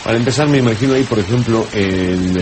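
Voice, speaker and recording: A man's voice: lowish voice, background noise. A man with a Mexican accent hosting a radio show, reading listeners' questions aloud and chatting along with the guest. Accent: Mexican Spanish. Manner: reads letters briskly, then chats along.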